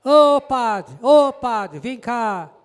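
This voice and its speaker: A man voicing an impatient country doctor who shouts, in a loud, urgent manner. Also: extremely high pitch, animated, very slow, smooth, long reverb tail, pitched above the performer's own voice, heavily acted. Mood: shouting.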